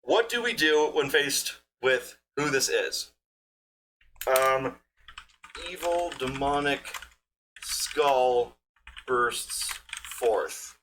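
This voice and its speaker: A man running a tabletop game as game master for a live chat, narrating casually and haltingly as he improvises aloud. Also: medium pitch, lively intonation, pushed and bright, slight background noise, rough recording. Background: music.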